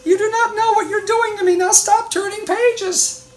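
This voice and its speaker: A woman's voice: very high voice, fairly even intonation, pitched above the performer's own voice. A woman voicing Grover, a timid furry monster who begs and pleads in a frantic storybook reading. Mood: frantic pleading. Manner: frantic, pleading, drawn-out begging. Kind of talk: storybook read-aloud.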